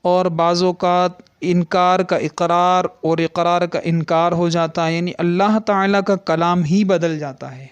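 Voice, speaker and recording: This man's voice sits high, clear and resonant, with a flat delivery, hardly any pauses, and no room sound. Teaching Quran recitation rules in an earnest, instructive manner, he sounds out letters to demonstrate the differences between them.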